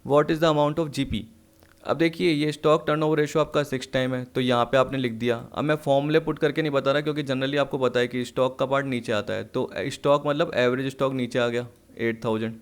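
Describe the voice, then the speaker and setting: A man's voice: mid-range voice, steady tone, fairly quick. Man, accounts teacher, works through exam questions, quizzes himself aloud, sometimes short of breath. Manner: asks and answers his own questions, mixing English terms. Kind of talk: solving exam questions on a lesson video.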